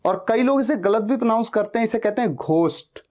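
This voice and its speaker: A man's voice: very high voice, quick pace, darkish tone. A man teaching an English pronunciation lesson, patiently spelling out words and repeating them. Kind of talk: slow spoken-English lesson.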